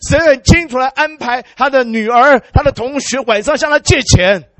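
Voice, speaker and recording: A male preacher with a notably high voice tells a story to his congregation, bursting into hallelujah and amen. He talks in an animated way and mixes in English words. The recording is dry and close, with no room sound. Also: normal speed, no echo. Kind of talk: sermon storytelling.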